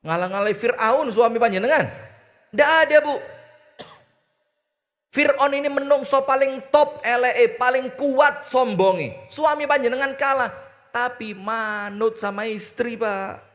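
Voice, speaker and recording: A man's voice: very high voice, measured pace, a bit bright. A man with an East Javanese accent preaching a humorous sermon, teasing his audience and mimicking voices. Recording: reverberant hall.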